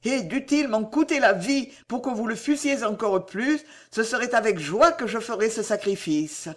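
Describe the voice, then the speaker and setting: A man's voice: very high voice, animated, normal speed, voice pushed up. A man reading an audiobook, voicing a devoted young woman who speaks weakly, earnestly and tearfully. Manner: weak, trembling and earnest.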